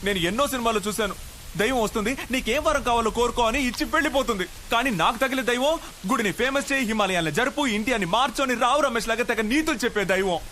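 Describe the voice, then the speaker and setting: A fiery, stubborn young son in a dubbed film, his voice set high and bright and edged with heat. He presses every point insistently, refusing to back down. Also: fast talker, slight background noise. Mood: angry, bitter. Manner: heated, insistent arguing. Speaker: film character, a grown son.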